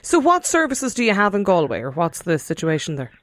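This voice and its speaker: A woman's voice: lowish voice, wildly swooping pitch, brisk, fairly bright tone, no room sound, clean studio sound. A woman with an Irish accent hosts a conversational radio phone-in. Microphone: studio microphone.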